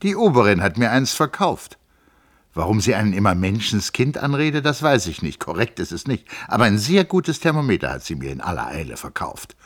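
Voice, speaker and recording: A stubborn young engineer, voiced by a man reading a novel aloud, pedantic and faintly mocking as he argues his point. The voice sits higher and brighter than the reader's own low narration, with a husky grain underneath. It is the measured sound of a literary audiobook. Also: big pitch swings. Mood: insistent, mocking. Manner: precise, argumentative, slightly sluggish.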